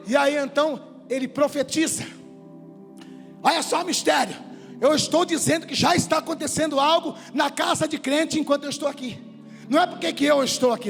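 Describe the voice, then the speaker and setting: A man's voice: very high-pitched, vocal fry, fairly bright tone, big-room sound. A male pastor preaching a sermon in a church, fervent and repeating his phrases with cries of praise.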